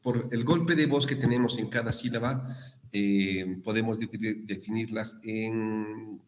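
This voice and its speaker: A man with a Bolivian Spanish accent giving a university prep lesson on written accents, explaining slowly with frequent fillers and self-corrections. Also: lowish voice, noisy background. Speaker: guest lecturer.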